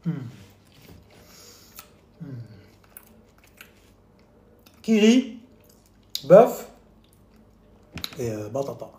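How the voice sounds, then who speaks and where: A man hosting a casual live stream, chatting and joking with viewers between bites. His voice sits at a middle pitch and rings in an echoey room. He teases the audience with playful quizzes. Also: sing-song, extremely slow, long pauses, mellow. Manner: chatty, teasing, mock-lessons, talks with mouth full. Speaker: fitness coach streaming live. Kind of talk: casual live-stream chat while eating.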